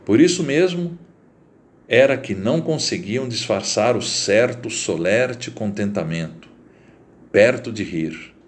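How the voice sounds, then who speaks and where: A man reading a literary short story aloud as narrator, in a slow, deliberate and expressive way. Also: on the low side.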